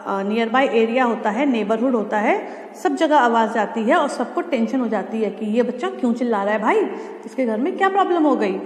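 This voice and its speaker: A woman teacher giving a lesson, explaining sentence structure step by step and slowly sounding out English words. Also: a little high, darkish tone. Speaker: school teacher. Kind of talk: classroom lesson explaining translation. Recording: echoey room with long reverb.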